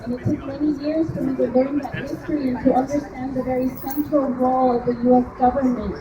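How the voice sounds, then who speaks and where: A woman's voice: sits high, flat delivery, moderate pace, dull audio. A woman from El Salvador, a university professor, giving an earnest speech in two languages at an outdoor press conference. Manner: earnest, repeats herself in Spanish then English. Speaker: university professor speaking at a rally. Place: outdoors at a street rally. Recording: echoey outdoor recording from far off, loud street noise.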